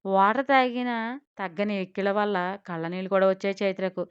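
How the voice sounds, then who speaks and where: Clear-voiced woman narrating a story. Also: mid-range voice, fast talker, no room sound. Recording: slightly dull lo-fi sound.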